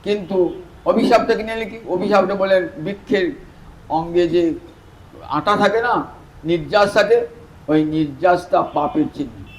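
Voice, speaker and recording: Male devotional preacher, high voice, animated sermon storyteller, addresses the audience directly, faint hiss in the background. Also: low-quality recording. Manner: swings from soft, slow phrasing to louder, emphatic bursts. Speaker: Vaishnava preacher.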